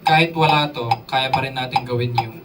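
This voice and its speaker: A man's voice: mid-range voice, a little fast, very noisy. Drum teacher quizzing his class. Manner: casual, asks the audience questions, code-switches with English terms. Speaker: drum instructor. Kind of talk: live drum workshop talk. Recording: voice distant from the mic, drums in the room.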